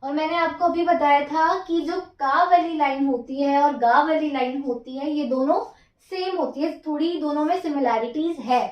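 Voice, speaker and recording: A woman's voice: high-pitched, moderate pace, reverberant, muffled recording. A woman teaching Japanese script, counting out each stroke in a patient, stepwise way. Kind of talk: slow stroke-by-stroke writing lesson.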